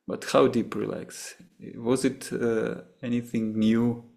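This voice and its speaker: Here a Russian-accented man from Russia, who teaches meditation, responds to post-session questions in a halting way, frequently beginning again as words escape him. He has a medium pitch and level tone, creaky yet slightly mellow.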